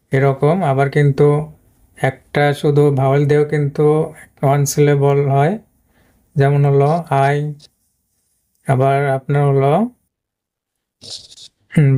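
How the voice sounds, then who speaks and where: A man explains a lesson slowly, stopping often and repeating words as he points things out. His voice is smooth and mellow. His pitch stays flat and even the whole time. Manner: slow, halting, repeats words while pointing at the board. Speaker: English teacher.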